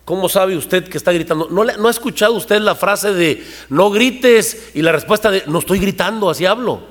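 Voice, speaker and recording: A man's voice: sits high, normal speed, big-room sound. A man preaching a sermon to his congregation, talking conversationally and asking them rhetorical questions. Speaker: pastor. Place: church hall.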